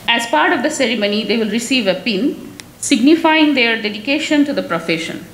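Casting note: female emcee with a high voice, formal announcer, echoey hall sound. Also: expressive, fairly quick, fairly bright tone, slight background noise. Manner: formal, announcing names and titles. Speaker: ceremony emcee. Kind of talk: formal introductions. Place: ceremony hall.

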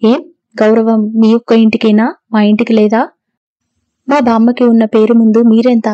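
A woman's voice: fairly high pitch, flat delivery, normal speed, no echo, highs cut off, close to an everyday voice. A woman reading as a defiant young wife. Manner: sharp, retorting. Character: strong-willed young wife, proud and defiant.

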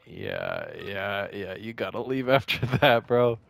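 A young man chatting casually over a game in a slangy, excitable frat-bro manner. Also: fairly low pitch, slow, vocal fry. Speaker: gamer playing with a friend. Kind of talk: casual gameplay chat.

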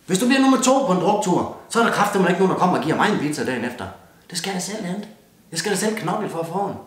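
Rowdy swearing Jutlandic man, roomy echo. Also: high-pitched. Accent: Jutlandic Danish. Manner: swears constantly, blunt and rowdy, toasts with a beer. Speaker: comedian doing a mock New Year's speech. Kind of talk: crude comic rant.

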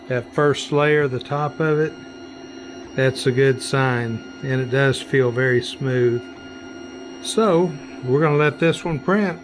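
A man running a 3D print farm, talking slowly and plainly step by step while he works in a workshop full of printers. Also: a little high. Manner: slow, plain step-by-step explaining while working. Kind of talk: hands-on workshop demonstration.

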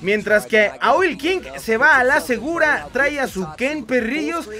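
A man's voice: very high voice, expressive, measured pace, sharp tone. A man hosting a casual gaming chat show, playful and full of slang nicknames for his audience. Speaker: co-host.

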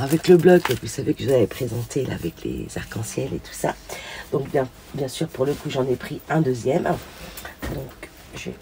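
An older woman with a hoarse voice, chatting through a craft haul and gushing over each find with many fillers. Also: extremely low pitch, noisy background. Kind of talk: casual show-and-tell haul.

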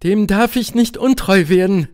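A man's voice: sits high, a little slow, voice pushed up. A man reading an audiobook, voicing a troubled young woman who is bound by duty, pleading and tense.

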